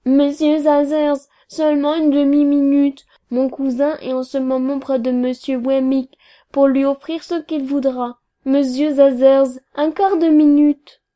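A woman voicing a nervous man who begs a lawyer in slow, fawning pleas. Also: high voice, little pitch movement, mellow. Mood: pleading.

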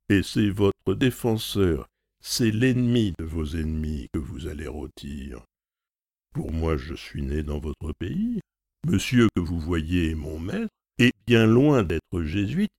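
A man's voice: low voice, very animated, slow, gravelly, dark tone, no room sound, clean studio sound, exaggerated voice. A man voicing a shrewd, persuasive valet. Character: shrewd loyal male servant, calm and persuasive.

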